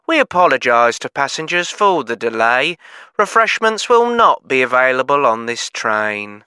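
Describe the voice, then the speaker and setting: A man's voice: medium pitch, very animated, pushed and bright, clean tone, dry recording. A man reading as a train station announcer. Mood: formal. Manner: formal, measured announcement delivery. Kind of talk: scripted exam recording.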